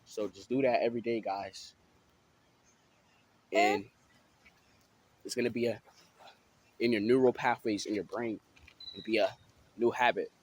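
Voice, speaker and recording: A man's voice: fairly low pitch, fairly even intonation, measured pace, long pauses, slightly rough. A man vlogging about spiritual awareness in a rambling, casual way, full of fillers and repeated check-ins with his listeners. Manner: rambling, filler-heavy, keeps asking "you know what I'm saying". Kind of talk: casual motivational talk.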